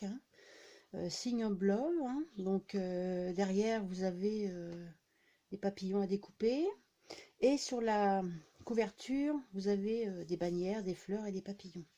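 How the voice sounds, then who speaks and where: A woman's voice: mid-range voice, warm tone. A woman casually showing off her craft purchases to her viewers, talking in a chatty way with frequent filler words. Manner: chatty, many fillers and "hein" tags. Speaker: scrapbooking vlogger. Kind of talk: casual haul show-and-tell.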